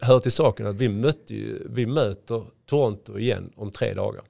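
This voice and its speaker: A man in his forties with a gravelly, fry-edged voice, sitting low in pitch. He tells lively anecdotes in a casual podcast conversation, slipping into the voices of the people in his stories. He talks like a former player turned coach looking back on his career. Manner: lively anecdote-telling, acting out quotes.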